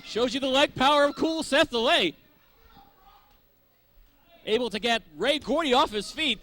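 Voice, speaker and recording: A man calls a wrestling match live as play-by-play commentator. His voice sits very high for a man and has a bright, cutting edge. He phrases his calls in a wordy, descriptive way. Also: measured pace.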